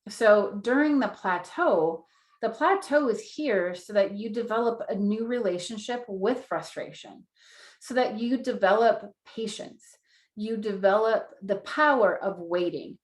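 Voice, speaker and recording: A woman in her thirties teaches a class with an earnest, repetitive delivery, sometimes acting out an inner voice as she explains. Her voice sits in a middle pitch. The room gives it a noticeable echo. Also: measured pace. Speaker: Human Design teacher. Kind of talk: online class lecture.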